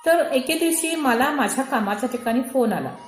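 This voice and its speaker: A woman from India reading aloud her own personal essay in a slow, measured storytelling manner. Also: sits high, animated, reverberant, soft background music.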